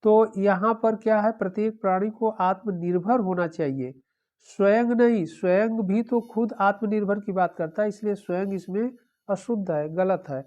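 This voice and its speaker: A woman's voice: mid-range voice, moderate pace, a little mellow. A woman teaching an exam-prep lesson, going through the answer options one by one and repeating them, with a frequent "okay".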